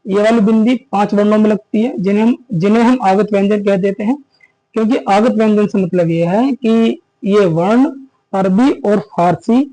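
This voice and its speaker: High-voiced man teaching grammar. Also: warm tone, poor audio. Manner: repeats key terms as questions to students; slows down to stress terms. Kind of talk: exam-prep grammar lesson.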